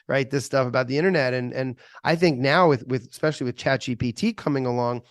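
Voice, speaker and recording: A man's voice: mid-range voice, fast, dry recording, clean studio sound. A man hosting an interview, talking in a rambling, chatty way with many fillers. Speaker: interview host. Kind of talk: casual interview.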